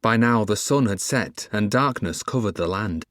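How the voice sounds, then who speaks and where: A man narrating a dark fantasy audiobook in the first person, telling it expressively. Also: lowish voice, expressive, moderate pace, dry recording, clean studio sound.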